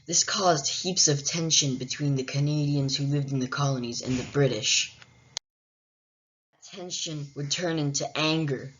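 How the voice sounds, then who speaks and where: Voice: medium pitch, a little slow, a bit bright, slightly rough. A host narrating a history explainer in a casual way, with wry, joking asides. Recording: dull, muffled lo-fi recording.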